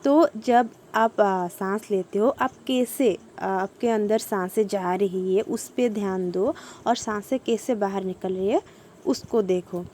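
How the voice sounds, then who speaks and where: A woman's voice: mid-range voice, a little slow, warm tone, slight background noise. A young adult woman giving a casual meditation lesson, patient and repetitive, with frequent fillers. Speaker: meditation instructor. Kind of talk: casual spoken meditation tutorial.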